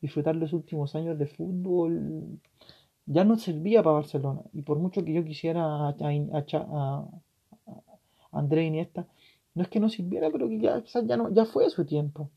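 A tearful man with a Chilean accent hosting a solo podcast, ranting passionately and swearing, his voice swinging from loud to hushed. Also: a little high, moderate pace, gravelly, slightly rough. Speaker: podcast host. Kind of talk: emotional solo podcast rant. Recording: dull lo-fi recording.

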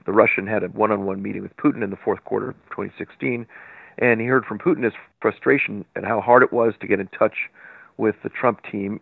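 A man's voice: on the low side, gravelly, no echo. A man giving a political interview as a guest commentator, recounting events in detail and arguing his point emphatically. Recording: tinny phone line.

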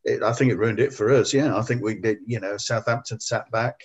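A man and former player giving measured, hesitant opinions on a football podcast, with frequent ums. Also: lowish voice, slightly rough.

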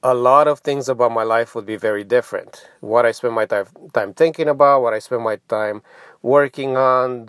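A podcast host whose first language is Romanian gives an informal, explanatory monologue, halting and reflective with frequent pauses. His mid-range voice is recorded at studio quality with no echo.

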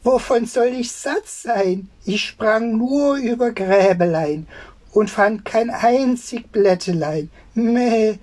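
A reader voicing a spiteful, lying nanny goat in a fairy tale read aloud, with a high bleating voice. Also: takes it slowly, darkish tone. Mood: mocking.

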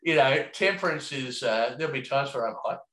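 A man's voice: mid-range voice, expressive, brisk, a bit bright. A man talking casually and reflectively, rambling with lots of fillers and the odd swear word. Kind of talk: casual conversation. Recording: echoey room.

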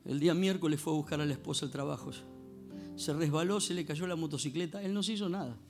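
A male pastor, preaching a sermon in a church with animated storytelling and questions to the congregation. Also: a little high, fast talker, over music. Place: church sanctuary.

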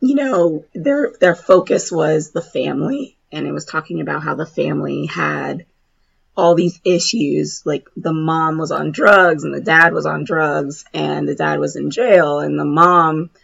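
A woman co-hosting a casual podcast chat with a hoarse, raspy voice that is nearly gone, talking informally with lots of filler words. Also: deep voice, measured pace, fairly bright tone, dull audio. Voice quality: raspy, husky. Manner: informal, heavy use of "like" and "you know".

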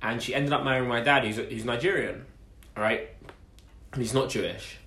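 A man's voice: mid-range voice, fairly even intonation, moderate pace, pushed and bright. A man in his twenties with an Essex accent, chatting casually on a podcast in an earnest way, repeating phrases for emphasis. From Essex and southeast London, England. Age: 20s. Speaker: podcast co-host telling his story. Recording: echoey room.

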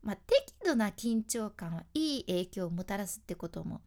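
A woman's voice: mid-range voice, very animated, normal speed, darkish tone. A woman who works as an announcer, giving a chatty, step-by-step lesson on speaking and acting out example phrases. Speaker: announcer teaching speaking skills. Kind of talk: casual instructional talk.

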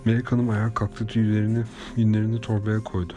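Man reading an audiobook, low and pretty flat, slow steady storytelling, music playing under it. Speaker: narrator. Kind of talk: audiobook narration. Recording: reading over clear background music.

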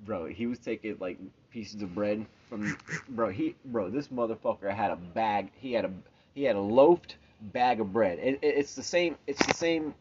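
A man's voice: fairly low pitch, moderate pace, a little mellow, slight background noise. A man rambling through a casual story, swearing and asking "right?" every few words. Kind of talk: casual banter. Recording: dull lo-fi sound.

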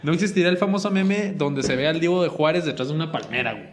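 A man's voice: a little high, quick pace, background noise. A man, co-hosting a podcast, wisecracking in casual chat. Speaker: podcast co-host.

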